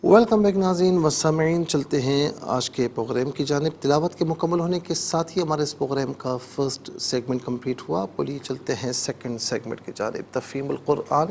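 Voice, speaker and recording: Gravelly high-voiced male teacher. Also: a little mellow, slight background noise. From Pakistan. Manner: explains grammar step by step, spells out letters and vowels; chants recitation in long melodic lines. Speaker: Quran teacher and show host. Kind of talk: religious TV lesson on Quran recitation.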